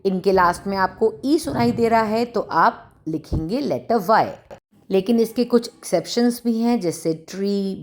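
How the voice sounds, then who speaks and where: A woman teaching a phonics lesson, slowly spelling out sounds and repeating example words. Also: mid-range voice. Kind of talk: phonics lesson narration in Hindi with English.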